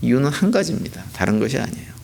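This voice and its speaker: A male pastor delivers a sermon in a church, his voice carrying a gravelly edge. He speaks at a middle pitch, pressing his points with rhetorical questions and emphatic repetition. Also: very animated, racing, darkish tone. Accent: Korean. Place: church sanctuary.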